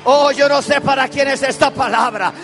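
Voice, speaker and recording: A man's voice: extremely high pitch, moderate pace, fairly bright tone. A man preaching a sermon with theatrical storytelling and rhetorical questions to the congregation. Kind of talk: animated sermon. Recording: reverberant church hall, faint music.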